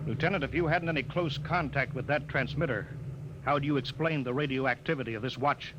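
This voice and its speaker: A man's voice: medium pitch, fairly quick, close to an everyday voice. An actor playing a stern, commanding male spaceship captain who barks clipped orders, in 1950s radio drama style. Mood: stern, probing. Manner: clipped, barking orders and interrogating. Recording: noisy, muffled old radio recording.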